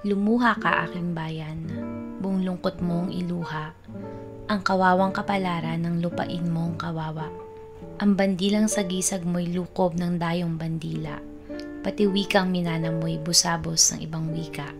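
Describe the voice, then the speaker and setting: A woman's voice: fairly low pitch, steady tone, unhurried, music in the background. A woman giving a dramatic, solemn and mournful poetry recitation.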